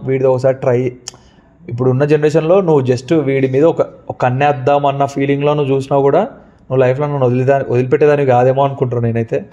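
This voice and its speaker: Young man, earnest and heartfelt, quick speech, dark muffled sound. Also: medium pitch. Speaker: interviewee. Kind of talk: emotional interview. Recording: dull lo-fi sound.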